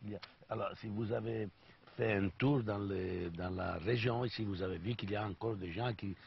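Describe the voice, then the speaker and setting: A man's voice: on the low side, normal speed, vocal fry, slight background noise. An older man from Sicily speaking French with an Italian accent, earnestly searching for words as he explains his olive oil. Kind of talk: interview conversation. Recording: dull lo-fi TV recording.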